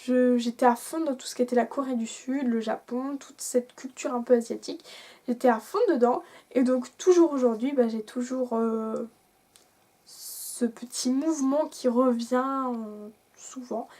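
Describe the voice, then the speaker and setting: A woman's voice: fairly high pitch, a little slow, warm tone. A young woman chatting casually to camera as a vlogger, rambling with many fillers and restarts.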